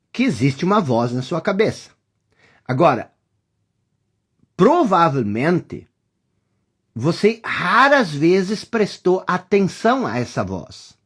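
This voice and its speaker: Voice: mid-range voice, husky. A teacher with a Brazilian accent gives a reflective lesson, addressing the listener directly and repeating rhetorical questions. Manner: speaks directly to the listener, sometimes dropping to a hush. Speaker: course teacher.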